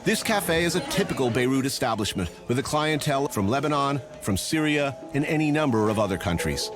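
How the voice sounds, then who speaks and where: Man, documentary voice-over, dry and sardonic, mid pitch, music under it. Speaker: narrator. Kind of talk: documentary narration. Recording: music bed behind.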